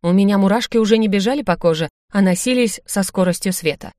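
A woman narrating a fantasy audiobook in first person with lively, expressive delivery. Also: medium pitch, fast talker, no echo, studio quality.

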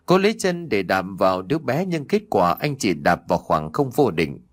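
A man narrating a ghost story in a dramatic, expressive storytelling manner. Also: on the low side, normal speed.

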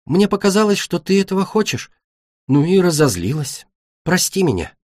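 Guy doing a teasing young girl dragon, sly and proud, high and breathy. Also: big pitch swings, moderate pace, a little mellow, no room sound, clean studio sound.

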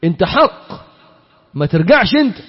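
A high-voiced Egyptian man preaching a sermon, his pitch leaping up and down as he throws questions at the crowd and acts out exchanges. The sound is dull and lo-fi, with a long hall reverb behind every line. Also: moderate pace, slightly rough. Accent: Egyptian Arabic. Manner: animated, rhetorical questions, acts out dialogues.

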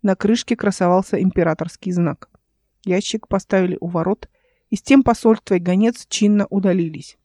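A man reading a novel aloud as narrator, steady and expressive, close to the mic. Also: high voice, brisk, dry recording. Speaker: audiobook narrator. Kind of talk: scripted narration.

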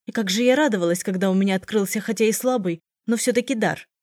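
A woman reading an audiobook, voicing a bitter, jealous young woman tavern-keeper who shouts her accusations. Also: medium pitch, fast talker, no echo, studio quality, lightly acted.

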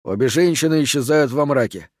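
A man narrating a horror audiobook in an even, steady reading voice. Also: mid-range voice, brisk, dry recording, studio quality.

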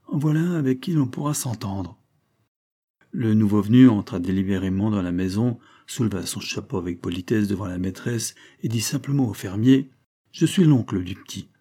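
A man narrating an audiobook in a measured, even reading. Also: lowish voice.

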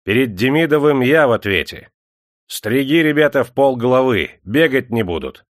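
A man voicing a domineering male factory clerk who barks orders loudly and mockingly in a storybook reading. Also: medium pitch, lively intonation, unhurried, dry recording, clean studio sound, voice pushed up, lightly acted. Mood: commanding. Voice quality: loud, commanding, mocking.

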